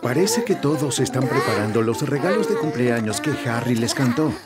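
A man narrating a children's cartoon as a calm storyteller. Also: mid-range voice, moderate pace, natural voice. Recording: music behind the voice.

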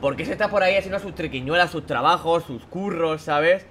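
A man's voice: a little high, brisk, fairly bright tone, slight background noise. A young man from Spain with a Spain Spanish accent, commentating a horror game as he plays it. He swears and yelps at the scares, then drops to mutters between them. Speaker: gaming YouTuber.

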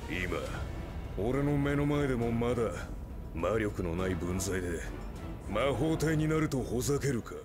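A man voices a domineering squad captain in a game cutscene, rough and blunt, his mid-pitched voice swinging widely. Loud game music runs beneath him. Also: animated, unhurried, lightly acted. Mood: taunting. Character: gruff, domineering male squad captain, adult.

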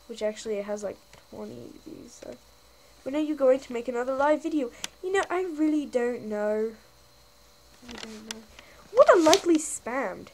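High-voiced young woman reading comments. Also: warm tone, a little hiss or hum, poor audio. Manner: chatty, giggly, reads comments aloud and answers them. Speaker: channel host. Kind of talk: casual comment-reading vlog.

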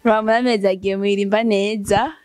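Lively young woman hosting an interview. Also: medium pitch, fast, dry recording. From Burundi. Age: young adult. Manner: lively, laughs often, playful asides. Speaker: interviewer, show host. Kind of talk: casual interview chat.

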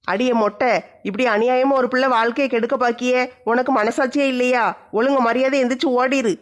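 A performer acting in a village comedy sketch with a cheeky, deadpan manner. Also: high voice, fairly quick.

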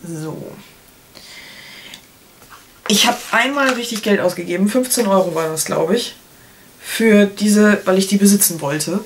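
A woman in her thirties talks through products in a casual, chatty way. Her pitch is average and she drops in playful asides. She is recorded at home in a small room, with noise behind her. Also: measured pace, pauses often. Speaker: beauty vlogger. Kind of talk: casual product review chat to camera. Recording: clear background noise, clicks.

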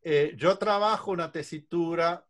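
A man's voice: a little high, normal speed, fairly bright tone. An older man, a singing teacher, patiently explaining voice ranges in an online lesson from a room at home over a video call. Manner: patient, explanatory, illustrates with counting and examples.

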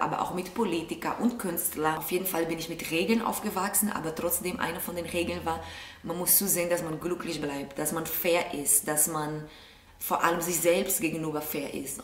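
Chatting casually to camera from her sofa, a young vlog host from Brazil answers viewer questions in a fairly low voice with a Brazilian Portuguese accent. She is thoughtful and gestures plenty with her hands. The living-room recording is roomy, taken from a camera a short distance away, with slight background noise.

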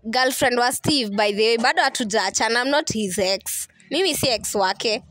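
A woman's voice: a little high, moderate pace, fairly bright tone, no echo. A woman in her twenties with a Kenyan accent, talking into a handheld mic in an insistent, defiant way during an outdoor interview. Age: 20s. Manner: defiant, insistent, repeats herself. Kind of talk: emotional street interview.

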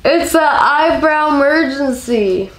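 A giggly, drunk woman in her twenties chats to camera as a makeup vlogger. Her voice sits fairly high and she rambles loosely with plenty of swearing. The room is noticeably echoey, with the camera a step or two away. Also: lively intonation, takes it slowly, noisy background. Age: 20s. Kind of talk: casual chat to camera while doing makeup. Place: small home kitchen, indoors.

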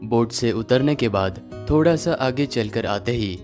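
A man narrates a travel guide in a steady, informative voice-over, his tone sitting at a middle pitch. Plucked guitar music plays clearly beneath him the whole time. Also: measured pace. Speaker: travel vlogger.

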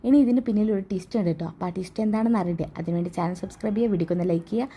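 Casting: woman storyteller, quick chatty pace, dark husky voice. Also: mid-range voice. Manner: chatty, adds tag words, quick. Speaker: serial recap narrator. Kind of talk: casual storytelling narration.

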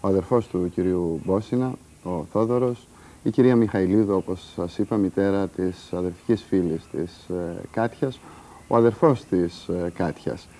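A man hosting a TV show, presenting in a measured way with filler pauses. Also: low-pitched, dark tone. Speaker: TV show host. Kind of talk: broadcast presenting.

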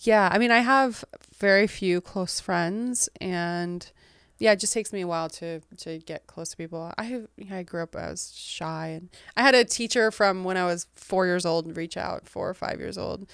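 She's a guest author in her thirties being interviewed informally, English by origin but American in accent, with a quiet manner, frequent laughter and a habit of trailing off. Her voice sits on the low side at a normal speed with a clean tone, captured in a clean studio without echo.

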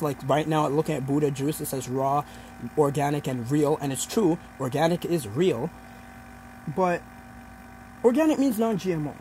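The speaker, a young man, has a slightly high, slightly mellow voice and explains his material in an informal student presentation, hesitating while he feels out what to say. Slight background noise runs through the rough recording.

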